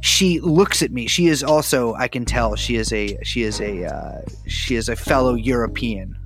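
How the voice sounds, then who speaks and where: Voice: mid-range voice, moderate pace, music in the background. A podcast co-host telling a wildly exaggerated comic story in a rambling, profane way.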